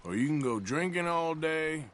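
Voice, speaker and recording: An actor playing a world-weary frontier outlaw in a game who speaks in a dry, wry, unhurried way. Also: male voice, a little high, animated, fairly bright tone, slight background noise.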